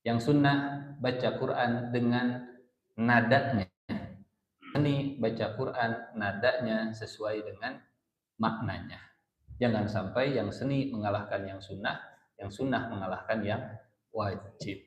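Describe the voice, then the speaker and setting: A man's voice: fairly low pitch, fairly even intonation, a little slow, long pauses, roomy sound, muffled recording. A man with a Sundanese-inflected Indonesian accent teaching a Quran study circle, explaining verses and chanting Arabic recitation. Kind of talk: Islamic study lecture.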